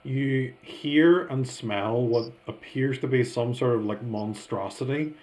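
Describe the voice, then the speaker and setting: A man running a tabletop game as game master, narrating scenes in a slow, descriptive way. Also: medium pitch, darkish tone.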